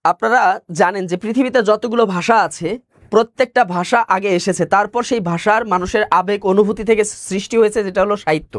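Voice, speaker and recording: High-voiced Bangladeshi teacher, dry sound. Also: male voice, fast talker, no echo. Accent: Bangladeshi Bengali. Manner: explanatory, repeats key words and asks the class questions. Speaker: exam prep teacher. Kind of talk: online exam-prep lecture.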